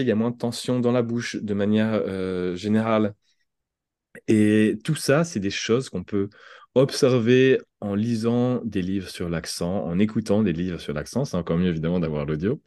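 A man's voice: lowish voice, normal speed, darkish tone, no room sound, studio quality. A French man speaking as a podcast guest, explaining thoughtfully with examples and frequent restarts. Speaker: podcast guest, language entrepreneur. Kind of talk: conversational interview.

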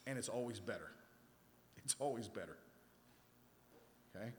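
A man's voice: fairly low pitch, animated, moderate pace, darkish tone, big-room sound, slight background noise. Man preaching a casual sermon. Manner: conversational, checks in with "right?" and "okay?".

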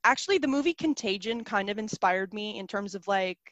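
Muffled audio and crowd noise surround this young woman, a South African interview guest who grew up speaking Serbian. Her mid-range voice is expressive and a bit quick, and her chatty answers are full of "like" and "um."

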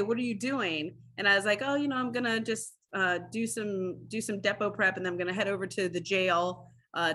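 A woman in her thirties, a former defense attorney appearing as an interview guest, tells her story in a casual interview. Her mid-range voice is bright and a little husky, and she's an animated storyteller who acts out the people in it with lively quoted voices and peppers her talk with lots of "like."

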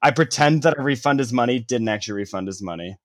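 A man's voice: medium pitch, fast talker, no echo, studio quality. A man co-hosting a casual podcast chat, telling a story animatedly with lots of swearing and "like" fillers. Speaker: podcast co-host.

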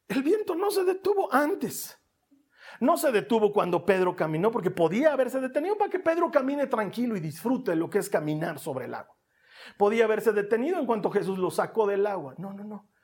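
A preacher with a Rioplatense Spanish accent, delivering a sermon that swings between loud exclamations and hushed near-whispers and keeps asking the listener rhetorical questions. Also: mid-range voice, sing-song, normal speed, breathy edge.

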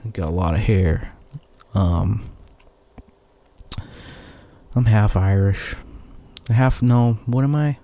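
A man's voice: on the low side, slow pace, pauses often, mellow. A young American man, a musician, rambling through a profane, sarcastic casual monologue. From United States.

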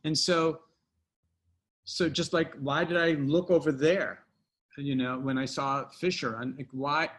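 A man's voice: a little high, fairly even intonation, a little slow, a bit bright. A middle-aged man telling a personal anecdote in a casual interview, rambling with fillers and restarts. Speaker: guest storyteller.

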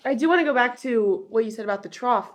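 A woman's voice: a little high, lively intonation, quick pace. A young woman co-hosting a podcast in casual comedic chat, making dry, blunt quips. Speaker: podcast co-host.

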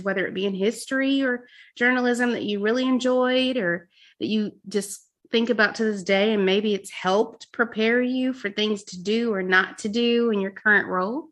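A woman's voice: medium pitch, fairly bright tone. A woman in her thirties hosting a podcast, encouraging her guest and asking questions in a casual, supportive way. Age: 30s. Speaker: podcast host.

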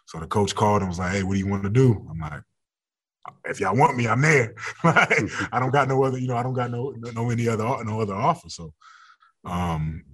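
A man's voice: on the low side, fairly quick, fairly bright tone, slightly rough. A man in his thirties, a football player as guest, talking candidly in a casual interview, laughing often and restarting his words.

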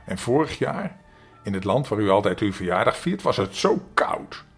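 A man's voice: lowish voice, sing-song, normal speed, creaky, a bit bright, slightly rough, soft background music, exaggerated voice. A man voicing a half-frozen young male helper in a storybook, speaking in a thin, cold, stuttering little voice while shivering. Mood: earnest.

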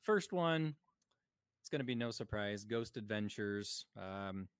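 A man's voice: lowish voice, expressive, measured pace, smooth, no room sound, studio quality. A man co-hosting a podcast, talking in a chatty, joking way with many fillers. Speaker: podcast co-host. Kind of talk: casual chat.

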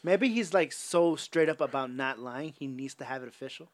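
A man's voice: medium pitch, normal speed. A man co-hosting a casual podcast, joking in slangy banter. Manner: joking, slangy, laughs often. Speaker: podcast co-host.

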